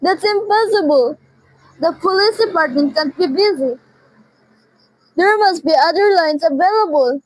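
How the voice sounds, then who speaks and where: A very high, dry-recorded voice of a frantic, demanding wife played by a young woman student. She harangues indignantly and repeats herself in nervous agitation, in the manner of an amateur radio play. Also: expressive, measured pace, pauses often, no room sound, rough recording. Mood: desperate, pleading. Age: teenager. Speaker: student performer. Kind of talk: amateur radio drama acting.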